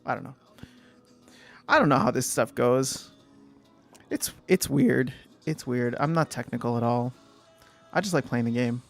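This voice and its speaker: Young guy streaming, mid-pitched voice, rambling thinking-out-loud chat, soft music behind. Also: expressive, a little slow, vocal fry, long pauses. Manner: thinks aloud, reads chat, trails off mid-sentence. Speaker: livestream host. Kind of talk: casual livestream chat.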